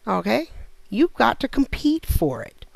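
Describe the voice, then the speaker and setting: A man's voice: very high voice, wildly swooping pitch, unhurried, vocal fry, dry recording. A man delivering a blunt, sarcastic comic rant as a lecturing host. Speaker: host ranting to camera.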